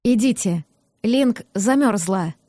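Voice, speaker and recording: A woman voicing a weary, sullen young male mage who answers curtly and reluctantly in a lowered voice. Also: lively intonation, takes it slowly, dark tone, no room sound, studio quality. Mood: flat. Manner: reluctant, curt.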